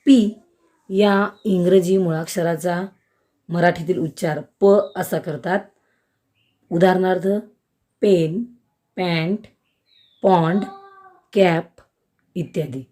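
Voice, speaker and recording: A woman teacher giving a school lesson on letter sounds, slow, careful and word by word. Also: fairly low pitch, warm tone.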